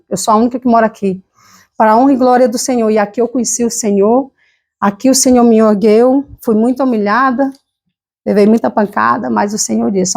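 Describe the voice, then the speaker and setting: Fervent Brazilian woman preaching, slightly high. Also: a little mellow. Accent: Brazilian Portuguese. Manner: fervent, repetitive, emotional preaching. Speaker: lay preacher. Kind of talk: sermon with personal testimony. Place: church service.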